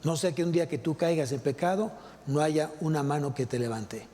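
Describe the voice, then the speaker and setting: A man's voice: on the high side, brisk, mellow. Preaching man in a reverberant church. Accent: Mexican Spanish. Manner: rhetorical questions, repeats key phrases. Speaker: pastor. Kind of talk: sermon. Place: large church hall. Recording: long hall reverb.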